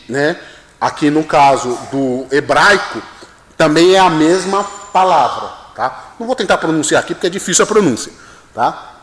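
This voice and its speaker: A man preaching a sermon as pastor, often checking in with the congregation. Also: a little high. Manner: animated preaching with frequent "amém?" and "tá?". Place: church hall. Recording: echoey church hall, long reverb.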